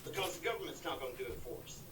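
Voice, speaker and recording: A man's voice: a little high, expressive. Man on a glitchy call. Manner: halting, earnest, plain-spoken. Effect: bad internet connection, voice cutting in and out. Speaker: congressional candidate. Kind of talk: debate opening statement. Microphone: video call. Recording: echoey, distant, noisy call audio.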